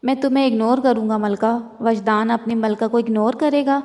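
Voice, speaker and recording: A doting young man from a romance novel, soft and coaxing, read out by a woman in her own fairly high voice. The delivery stays even and flat in pitch, with a long hall reverb around it. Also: natural voice. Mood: tender.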